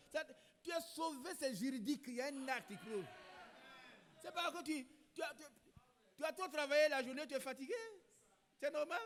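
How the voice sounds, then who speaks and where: A man's voice: extremely high pitch, fairly bright tone. A man preaching a sermon in a church, emphatic and repeating his key phrases. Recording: long reverb in a church hall.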